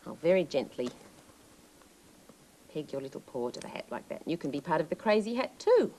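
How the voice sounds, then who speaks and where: A woman presenting a children's TV show, talking slowly in a playful sing-song way to young children. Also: low voice, darkish tone, a little hiss or hum, low-quality recording. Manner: slow, lilting, playful sing-song delivery.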